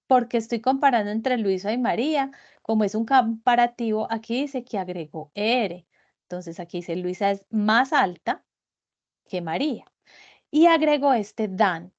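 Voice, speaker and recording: A woman giving an online English grammar lesson, explaining step by step and often checking that her students follow. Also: fairly high pitch. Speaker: English teacher. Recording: dull lo-fi web conference audio.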